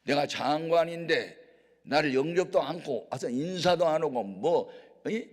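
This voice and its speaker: A man's voice: sits low, a little fast, vocal fry, breathy edge, voice pushed down, exaggerated voice. A man preaching who acts out a proud army commander, ranting with indignation and later owning his mistake. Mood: indignant. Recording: reverberant hall.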